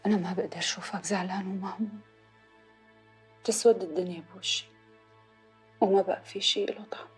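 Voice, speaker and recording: An actress playing a devoted, anxious wife in a Syrian period television drama, speaking in a soft, coaxing, emotional and often breathy voice. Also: female voice, mid-range voice, fairly even intonation, fast, long pauses, lightly acted. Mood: tearful devotion. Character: devoted, pleading wife, anxious to please her husband. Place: furnished room indoors. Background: music.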